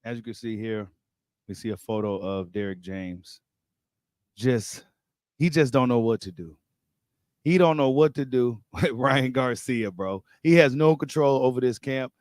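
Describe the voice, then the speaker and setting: Casually chatting and commenting on a boxing livestream he hosts, an American man uses slangy, informal language and repeats phrases to stress points. His medium-pitched voice is a little slow and mellow, and slightly worn. There's no echo, just clean studio sound.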